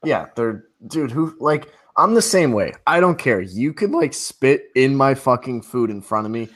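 A man's voice: medium pitch, lively intonation, moderate pace, a bit bright. Blunt, profane co-host man. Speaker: podcast co-host. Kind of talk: casual podcast chat.

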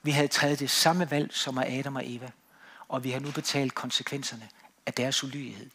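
A man preaching a sermon in a church, emphatic on key words and then dropping quiet. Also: medium pitch, steady tone, breathy edge.

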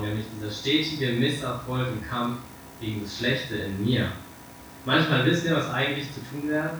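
A man's voice: mid-range voice, fairly bright tone. A man preaching with earnest storytelling, captured from well back in a large hall. His voice rings with heavy reverberation. A light hiss runs underneath. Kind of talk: sermon with book reading. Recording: echoey hall from far off.

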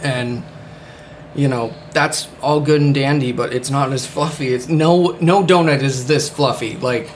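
A man's voice: mid-range voice, unhurried, slight background noise. A man hosting a casual podcast chat, rambling with many fillers and the odd swear word. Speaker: podcast host.

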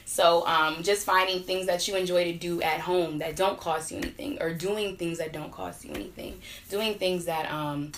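A woman's voice: fairly low pitch, moderate pace, few pauses, slight background noise. A woman in her early twenties talking casually and candidly on a podcast, laughing often. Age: 20s. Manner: animated, laughing storyteller. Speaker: podcast guest. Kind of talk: casual chat.

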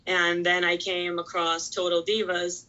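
A woman's voice: fairly low pitch, completely flat delivery, unhurried, pushed and bright, dull audio. A woman in her twenties from Puerto Rico, chatting casually as a podcast guest and peppering her talk with "like". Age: 20s. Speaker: pro wrestler, podcast guest. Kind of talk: casual chat.

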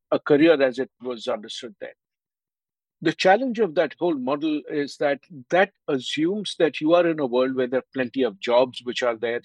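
A man with an Indian English accent, a guest author giving measured explanations in an interview. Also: medium pitch, no room sound, rough recording. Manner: measured, explanatory, with frequent fillers.

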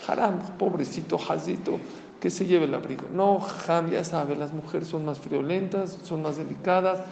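A man's voice: a little high, moderate pace, creaky, a little mellow, echoey room, long reverb tail, a little hiss or hum. A man voicing a worried wife who pleads insistently with the rabbi, in a sermon story. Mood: pleading.

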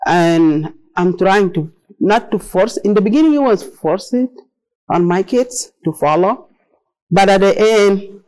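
In this low-quality clip, a woman with a lowish, warm voice gives a personal presentation about her own life. She is middle-aged and from South Sudan, a native speaker of Arabic and Dinka. Her English is non-native, earnest and simple, with a South Sudanese accent.

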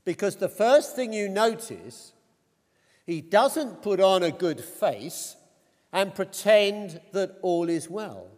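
Preaching at an unhurried, measured pace, a man speaks with a high, light voice that is expressive yet darkish in tone. He lifts his voice for quoted cries, which echo with the long reverb of a large church hall.

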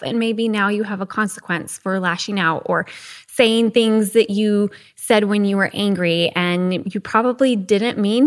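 A woman hosting a teen coaching podcast, recording from under a blanket in an empty home office. She talks in a chatty way and keeps checking in with "okay?". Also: medium pitch. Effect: recorded under a blanket, muffled. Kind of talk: casual solo podcast talk.

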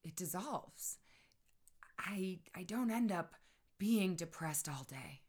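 Woman, deep low voice, soft earnest delivery, hushed near-whisper at times, reflective personal monologue. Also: expressive, takes it slowly, slightly rough. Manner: keeps checking in with "right?". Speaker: person sharing her grief process.

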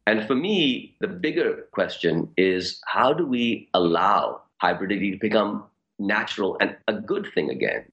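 A man in his forties from Pakistan, an author speaking in a radio interview in a measured, thoughtful way. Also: lowish voice, big pitch swings, a bit bright, highs cut off. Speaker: author guest.

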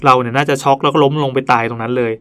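A man's voice: mid-range voice, steady tone, very fast, fairly bright tone, clean tone. A male podcast host reading listener ghost stories aloud in a chatty way, stopping now and then to comment. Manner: chatty, breaks off to joke and comment.

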